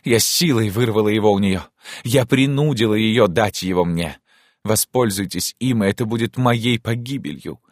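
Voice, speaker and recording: A man reading an audiobook, voicing a spirited, warm-hearted countess who teases and flares up. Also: mid-range voice, moderate pace, slightly rough, dry recording, studio quality, voice pushed up. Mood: indignant. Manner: lively, teasing, then indignant.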